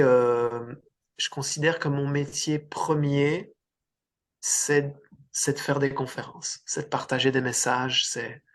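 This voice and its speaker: A middle-aged man from Belgium, a coach talking about his career in a casual interview, hesitant with frequent restarts. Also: mid-range voice. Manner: hesitant, many restarts and fillers. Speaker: coach and speaker, interview guest.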